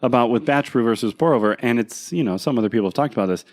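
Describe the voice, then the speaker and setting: A man's voice: medium pitch, racing, darkish tone. A man co-hosting a podcast in casual chat, teasing and laughing with his co-host.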